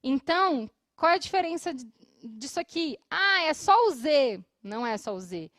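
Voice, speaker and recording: A woman with a Brazilian Portuguese accent teaching an English lesson, explaining patiently and repeating English phrases slowly for her students. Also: sits high, big pitch swings, fairly bright tone, no room sound, clean studio sound. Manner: laughs often between phrases. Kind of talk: televised classroom lesson. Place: studio.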